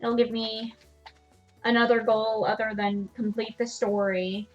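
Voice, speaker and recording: A woman's voice: a little high, little pitch movement, unhurried, lo-fi sound, soft background music. A woman streamer giving casual, self-deprecating commentary while playing a farming game. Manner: chatty, self-deprecating, laughs at herself.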